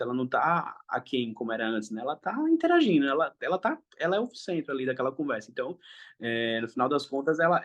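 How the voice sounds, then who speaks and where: A man's voice: fairly high pitch, fairly bright tone. A young man, a father, speaking in a casual interview in a hesitant, thoughtful way with frequent restarts.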